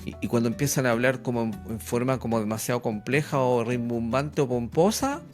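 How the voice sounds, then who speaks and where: Man, interview host, mid-pitched voice, relaxed affirming manner, faint music behind. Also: a little fast. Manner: relaxed, affirming with short replies. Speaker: podcast host. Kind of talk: conversational interview.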